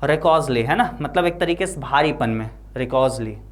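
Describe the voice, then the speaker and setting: A woman explaining an English lesson line by line, reading English slowly and explaining in with frequent tag questions. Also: low-pitched, expressive. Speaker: teacher.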